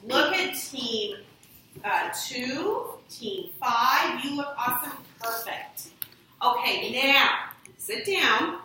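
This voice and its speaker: A woman's voice: high-pitched, expressive, takes it slowly, bright, forceful tone, slight background noise. A woman teacher giving patient classroom instructions, prompting her pupils with questions. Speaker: elementary school teacher. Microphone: distant room mic. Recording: echoey classroom from far off.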